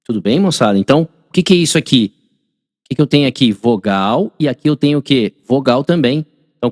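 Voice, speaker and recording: A man's voice: mid-range voice, dry recording, clean studio sound, in a large hall. A man with a Brazilian Portuguese accent, correcting a mock exam in an online class and checking in with his students constantly. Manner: chatty, asks the class constant check-in questions. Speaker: teacher.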